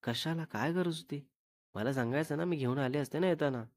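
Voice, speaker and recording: A man's voice: on the high side, a little fast, dry recording, pitched above the performer's own voice, lightly acted. A man voicing a caring young wife who pleads and soothes in a raised voice. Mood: fretful.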